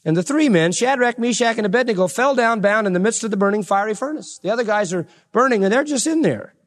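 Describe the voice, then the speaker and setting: A man's voice: high-pitched, fairly bright tone. A man preaching a sermon, reading scripture aloud with dramatic rising emphasis and plain asides in between. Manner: reads verses with dramatic slowing and rising voice, then chats plainly.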